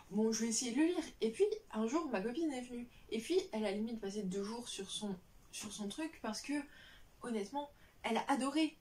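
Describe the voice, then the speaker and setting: A woman's voice: on the high side, darkish tone, recorded from a distance, slight background noise. A young woman chatting casually about books on a vlog, rambling with lots of fillers and restarts. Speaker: book vlogger. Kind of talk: casual chat.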